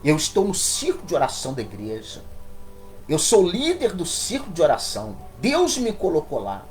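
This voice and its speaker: A man's voice: fairly high pitch, wildly swooping pitch, normal speed, faint music behind. Man voicing a stern praying wife. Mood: firm.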